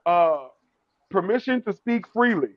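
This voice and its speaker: A man's voice: high-pitched, animated, a little slow, crowd noise. A man co-hosting a casual talk show, telling laughing stories about family and respect. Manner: storytelling, laughs often. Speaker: co-host. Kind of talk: casual chat. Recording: dull, slightly lo-fi dry sound.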